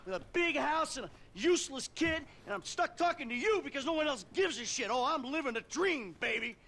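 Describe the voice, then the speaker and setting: A man's voice: very high voice, lively intonation, fairly quick, a bit bright. A man voicing a jaded middle-aged ex-robber in a game cutscene, bitter and sarcastic, swearing often. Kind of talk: video game cutscene acting.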